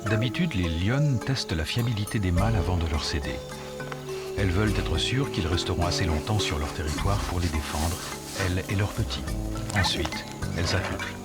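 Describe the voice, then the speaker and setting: A man reading scripted nature documentary narration in a measured, explanatory storytelling manner. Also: sits low. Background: music under the voice.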